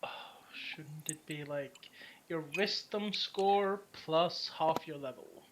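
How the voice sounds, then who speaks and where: Tabletop game master, hesitant narrator, fills pauses, mid-pitched, faint hiss. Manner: loose, hesitant narration with many fillers.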